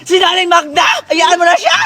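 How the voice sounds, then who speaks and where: A woman's voice: very high-pitched, lively intonation, moderate pace. A woman doing a pushy, greedy little girl. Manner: pushy, demanding, giggly. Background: background music.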